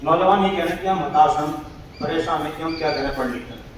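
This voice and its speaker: A man's voice: a little high, fast. Guy urging folks to speak up at a public debate, far off, really echoey, noisy. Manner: urging, pressing others to speak. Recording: very echoey hall, distant, noisy.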